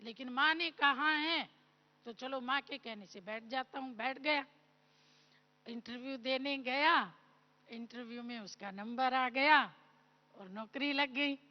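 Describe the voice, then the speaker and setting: A high-voiced woman preaches at an unhurried pace, telling a story in a soft, gentle way and acting out the people in it. Her voice is dull and lo-fi and rings with the long reverb of a big hall. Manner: slow, gentle, storytelling with acted quotes. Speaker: spiritual teacher. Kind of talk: devotional sermon with storytelling. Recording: dull lo-fi recording in a large hall.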